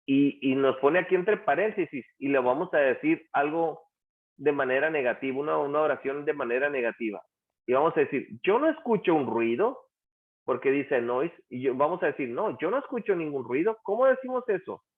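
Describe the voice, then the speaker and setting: Man teaching over a tinny call. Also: a little high. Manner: patient, asks students questions and repeats answers. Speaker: English teacher. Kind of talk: online class, explaining grammar. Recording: tinny phone-like call audio.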